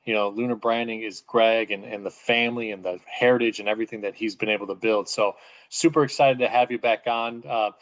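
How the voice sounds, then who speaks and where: A man's voice: lowish voice, fairly even intonation, a little fast, low-quality recording. A man hosting a podcast interview, enthusiastic and full of fillers. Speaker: podcast host.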